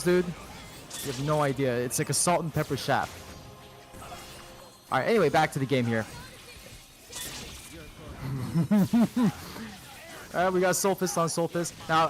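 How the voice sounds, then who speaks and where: Man, thirties, fighting-game caster, crude playful banter, slightly high voice, faint music underneath. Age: 30s. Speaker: tournament commentator. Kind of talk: casual esports commentary.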